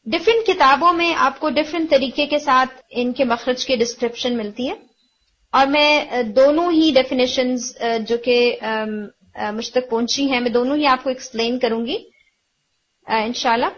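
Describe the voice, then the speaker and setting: A woman's voice: high voice, a bit bright, highs cut off. A woman teaching Quranic letter pronunciation, patiently explaining and repeating points and mixing in English words. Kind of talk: explanatory lesson on letter articulation.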